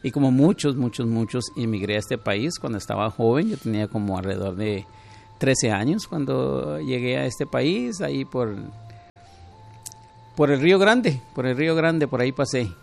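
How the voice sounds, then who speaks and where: A middle-aged man from Guatemala speaks with a gravelly, creaky texture at a middle pitch. He tells his story as a radio guest in a friendly, easygoing manner. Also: lively intonation, normal speed, faint music behind. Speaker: car salesman, guest. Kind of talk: casual interview chat.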